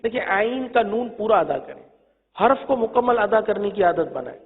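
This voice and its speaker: A man teaching Quran recitation, slowly stretching and chanting each syllable for his students to repeat. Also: high-pitched, lively intonation. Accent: Pakistani Urdu. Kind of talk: slow drilled letter-by-letter teaching. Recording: tinny phone-like sound with long reverb.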